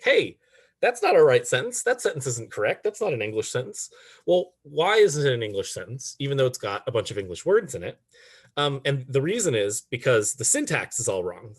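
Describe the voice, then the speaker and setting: Casual man giving a philosophy lecture. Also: mid-range voice. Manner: casual and chatty, many fillers and restarts. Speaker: philosophy instructor. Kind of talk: recorded online lecture.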